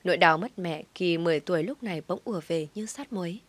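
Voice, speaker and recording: A woman reading a scripted story aloud with emotional, dramatic delivery and soft whispered passages. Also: fairly low pitch, fast. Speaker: narrator.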